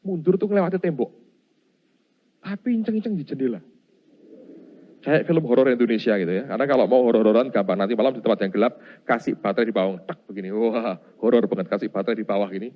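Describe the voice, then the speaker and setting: A man's voice: medium pitch, quick pace. A middle-aged man, preaching a sermon and acting out his story, often calling the congregation Saudara. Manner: animated, acts out scenes, addresses congregation as Saudara. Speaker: pastor. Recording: dull lo-fi sound.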